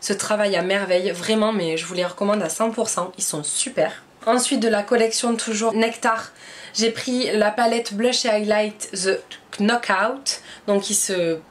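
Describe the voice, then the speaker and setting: A young beauty vlogger with a French accent chats casually to camera about her shopping haul. Her mid-range voice holds a steady tone at normal speed, and she sounds enthusiastic, with plenty of fillers.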